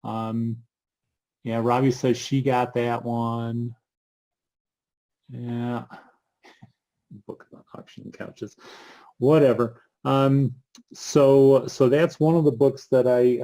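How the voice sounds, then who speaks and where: A man co-hosting a casual book show, halting and full of ums, with dry asides. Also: medium pitch, level tone, warm tone, poor audio. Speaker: co-host. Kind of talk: casual chat about books.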